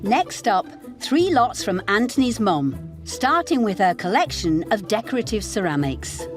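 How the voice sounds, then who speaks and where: A woman's voice: mid-range voice, sing-song, a little slow. A woman reading a scripted television voice-over as narrator, with a playful delivery. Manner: playful, punning. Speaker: narrator of an auction show. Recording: light music under narration.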